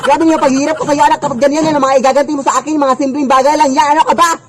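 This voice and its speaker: A woman's voice: high voice, steady tone, very fast, background noise. A woman acting in comic skits with a scolding, nagging tone. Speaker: comedy skit performer.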